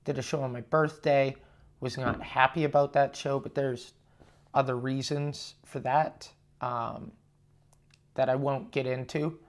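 A man hosting a casual solo podcast, rambling and halting with frequent swearing, recorded on a lav mic in an echoey room. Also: mid-range voice, fairly even intonation. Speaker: podcast host and touring stand-up comedian. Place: condo room, indoors. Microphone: lavalier plugged into portable recorder.

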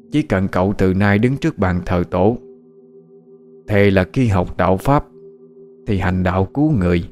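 A man's voice: sits low, a little mellow. A man voicing a stern female shaman of about thirty who speaks with grave authority.

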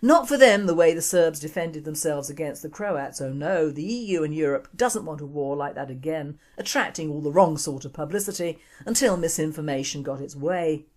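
A woman's voice: sits low, lively intonation, moderate pace, few pauses, a little mellow. A woman from the United Kingdom presenting opinionated commentary in a scornful, indignant manner. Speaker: show presenter.

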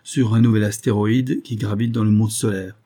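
A man reading aloud voices a courteous, calm army captain who answers politely in a low, husky voice. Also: normal speed, natural voice. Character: adult male army captain, courteous and good-humored.

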